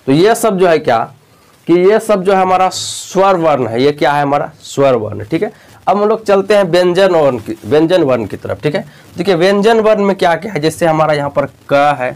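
A male teacher explaining a lesson patiently, often checking in with the listener and repeating key points. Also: a little high. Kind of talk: spoken lesson.

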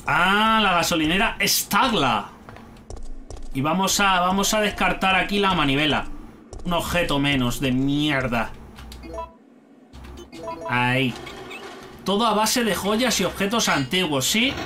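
Lively, high-voiced Spanish gamer from Spain. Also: male voice, measured pace, pauses often, a little hiss or hum. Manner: chatty, swears freely, talks to himself. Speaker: gaming youtuber. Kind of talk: let's play commentary.

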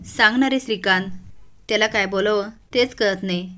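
A woman's voice: medium pitch, normal speed, a bit bright, close to an everyday voice. A woman voicing an anxious mother who pleads and prays for her sick son. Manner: pleading, emotional.

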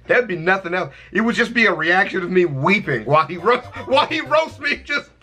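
Young adult male reaction host, high and bright, casual, amused, sweary, on a headset mic. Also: lively intonation, a little fast. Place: indoor room at home.

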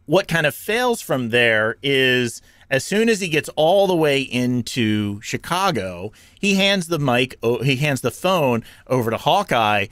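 A man's voice: medium pitch, fairly bright tone, no room sound. Man talking casually into a dry mic. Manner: conversational, frequent restarts and fillers. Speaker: podcast host. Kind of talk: casual explanatory talk.

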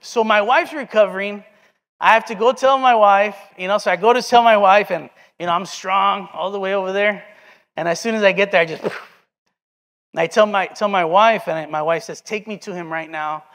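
High-voiced man preaching in a reverberant hall. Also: a little fast, a bit bright. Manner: earnest storytelling, acts out quoted dialogue. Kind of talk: sermon with personal story. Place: church sanctuary.

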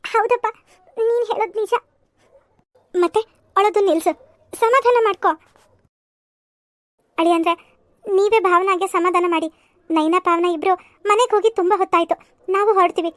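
A fussing middle-aged mother from a cartoon serial, voiced by a woman, with a very high, thin voice. She talks in a chatty, coaxing way. The recording is close and dry. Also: normal speed, pauses often, a bit bright, no echo.

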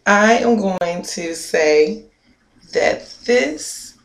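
Speaking very slowly in a mid-range voice with lively intonation, a young woman vlogs casually about her hair to a webcam at close range. She's amused and playful, now and then whispering. The small indoor room echoes, with faint noise.

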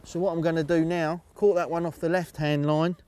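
A middle-aged man calmly explaining his fishing method outdoors at a lakeside, speaking steadily into a lapel mic. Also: a little high, a little fast, a little hiss or hum. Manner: calm, steady, explaining as he fishes. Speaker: angling coach.

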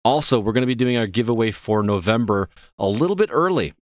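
A man's voice: mid-range voice, animated, quick pace, no room sound, clean studio sound. A man hosting a gaming podcast, chatting casually and upbeat, laughing easily. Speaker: podcast host.

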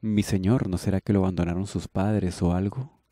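A man's voice: sits low, fairly even intonation, normal speed, mellow, no echo, studio quality, close to an everyday voice. A man doing a deferential loyal servant. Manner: deferential, obliging.

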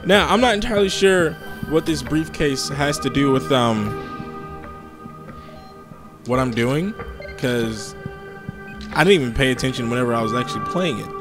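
A man's voice: mid-range voice, animated, moderate pace, pauses often, music in the background. Joking young man gaming. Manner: joking, rambling. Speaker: gameplay host. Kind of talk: casual game commentary.

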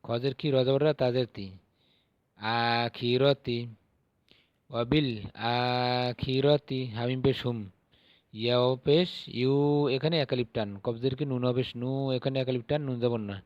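A middle-aged man teaching Quran reading, patiently spelling out each syllable and then drawing out the recited words slowly. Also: medium pitch, fairly even intonation, no echo, highs cut off.

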